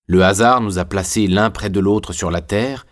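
A proud, anguished young man in a prison cell, read by a male narrator. His voice is low and near the narration, bitter and intense. The voice belongs to a storybook character. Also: moderate pace, close to an everyday voice.

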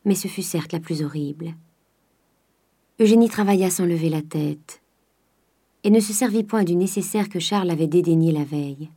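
Mellow-voiced woman reading a classic novel. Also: fairly low pitch, normal speed, long pauses. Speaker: audiobook reader. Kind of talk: literary audiobook narration.

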